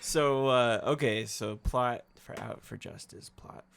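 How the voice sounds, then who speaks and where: A man's voice: medium pitch, slow pace, vocal fry, fairly bright tone, slight background noise. Rambling, laughing male co-host. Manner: rambling, many fillers, laughing asides. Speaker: podcast co-host. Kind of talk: casual chat about movies.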